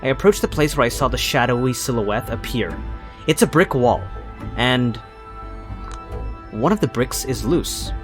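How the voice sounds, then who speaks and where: A man's voice: mid-range voice, animated, a little slow, long pauses. Male game player narrating text aloud, mid-range voice, light background music. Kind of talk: dramatic reading of game narration.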